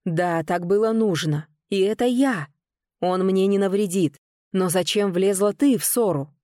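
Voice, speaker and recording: A woman voicing a cold, calculating young nobleman who speaks calmly and without hurry. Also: medium pitch, no echo, clean studio sound, natural voice. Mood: cool. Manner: calm, measured and unhurried. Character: cold, calm, calculating young male lord.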